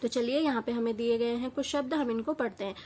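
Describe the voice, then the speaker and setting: A woman teacher giving an online lesson to young children, reading words out syllable by syllable in a slow, patient way. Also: fairly high pitch, darkish tone, a little hiss or hum.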